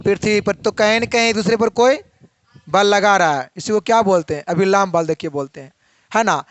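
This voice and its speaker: A young man teaches a physics lesson and keeps asking questions that he answers himself. His voice is very high and smooth. The recording is dry and close. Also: moderate pace, dry recording.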